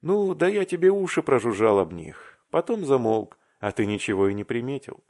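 Brief: a soft-hearted, faltering young man in love, as a male reader puts him on, confiding earnestly. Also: medium pitch, sing-song, moderate pace. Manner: earnest, faltering, warm confessional. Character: young man, timid, tender-hearted, lovestruck. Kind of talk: audiobook reading.

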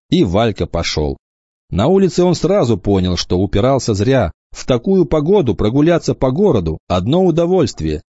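A man reading a children's novel aloud in an expressive way, shifting into voices for the characters. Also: fairly low pitch, no echo, highs cut off. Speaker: audiobook reader.

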